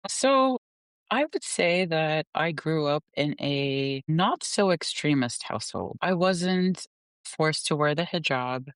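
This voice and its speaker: Woman, podcast guest, smooth resonant voice, reflective, soft laughs, dry close mic. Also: low-pitched, animated, no room sound. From grew up in the Gulf, Pakistan and the US. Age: adult. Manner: reflective, unhurried, laughs softly mid-sentence. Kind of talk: candid conversational interview.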